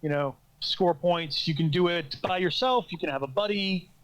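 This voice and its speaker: A man co-hosting a podcast, explaining a trivia night with wry jokes and quick asides. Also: sits high, a bit bright, poor audio. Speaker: podcast co-host, trivia organizer. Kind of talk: casual podcast chat.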